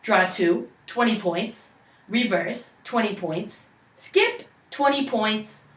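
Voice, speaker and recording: A woman's voice: mid-range voice, animated, slow pace, fairly bright tone, reverberant. A young woman with a Boston accent reads out instructions as if presenting to children, recorded in a living room on a distant camera mic. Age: young adult. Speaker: presenter of a game tutorial. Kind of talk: scripted instructional read-aloud in a storytelling manner. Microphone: camera a few metres away.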